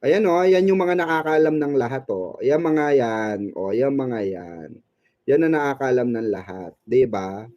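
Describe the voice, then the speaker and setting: A man's voice: medium pitch, animated, normal speed, darkish tone, no echo, dull audio. A man hosting a fan channel, chatting about showbiz in a gossipy, teasing way and laughing often. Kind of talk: casual showbiz commentary.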